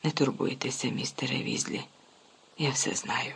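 A reader voicing an anxious, brave teenage boy wizard who talks hurried and raised in a husky voice. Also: medium pitch, fairly even intonation, fairly bright tone, full character voice. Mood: eager, anxious.

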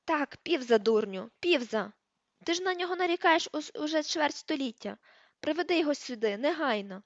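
A woman reading the part of a stern, commanding older female professor in an audiobook, giving crisp, sharp orders. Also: on the high side, a little fast, no room sound, dull audio, natural voice.

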